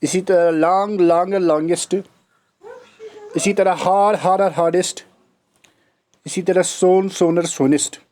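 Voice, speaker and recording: A man gives a recorded English grammar lecture. His voice sits high and he reads the rules at a slow, measured pace. He backs each rule with plain examples. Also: fairly even intonation, a little mellow, a little hiss or hum. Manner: slow dictation-like reading of English rules, then fast explanation in Hindi; explains with examples.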